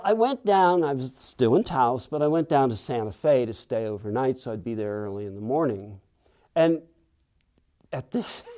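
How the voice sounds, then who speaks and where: An older man from Western Pennsylvania, an author, speaks in a mellow, medium-pitched voice. In an interview he tells reflective stories thoughtfully and without hurry, acting out the voices of the people he quotes.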